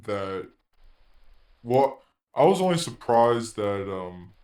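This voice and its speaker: A man co-hosting a casual podcast chat, laid-back and quick to laugh, a little defensive. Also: mid-range voice, big pitch swings, darkish tone, echoey room. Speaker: podcast co-host.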